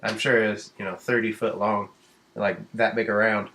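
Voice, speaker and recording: A man casually telling a personal story in a vlog, rambling with fillers and breaking into sudden high exclamations. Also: flat delivery, moderate pace, pushed and bright, slight background noise. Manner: drawling, rambling with many fillers. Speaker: vlogger.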